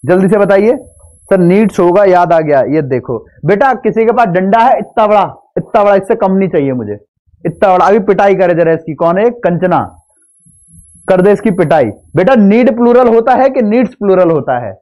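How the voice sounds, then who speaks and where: A man's voice: high voice, animated, normal speed, a little mellow. A man teaching English grammar in an online exam-prep class, speaking mixed with English, teasing and playfully scolding his students, repeating rules and asking them to say yes. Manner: repeats points, asks students to answer yes.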